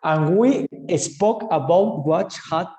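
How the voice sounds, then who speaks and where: A man studies English in a speaking lesson, carefully repeating phrases after his teacher. He talks very slowly in a fairly high voice. A long reverb trails behind his words. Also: expressive, warm tone, lo-fi sound. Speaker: English student.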